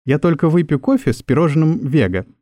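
A man voicing a timid, nervous young female secretary who speaks in a small, squeaky way. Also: animated, fairly quick, mellow, no room sound, natural voice.

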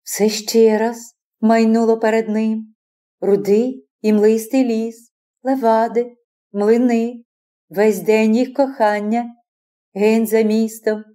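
A woman narrating a classic novel as an audiobook in a measured, expressive reading. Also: fairly high pitch. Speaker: audiobook reader.

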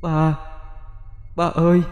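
A man voicing the homesick ghost of a dead young son, pleading softly. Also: a little high, completely flat delivery, slow, echoey room, long reverb tail, dull audio, pitched above the performer's own voice. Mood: longing.

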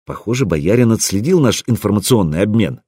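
Expressive male audiobook narrator. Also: on the low side, a little fast, breathy edge, dry recording, clean studio sound. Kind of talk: first-person audiobook narration.

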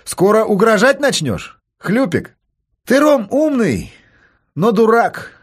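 A cold, provocative psychologist, as a male reader plays him, taunting calmly with a husky edge. His pitch rolls up and down with relish as he needles his victim. Read aloud in a storybook voice. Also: slow pace, heavily acted. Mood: coolly taunting. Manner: calm, mocking, taunting.

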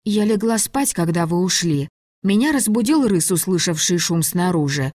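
A woman's voice: fairly low pitch, expressive, normal speed, a little mellow, no room sound, studio quality. A woman voicing a frightened young female captive, anxious and pleading.

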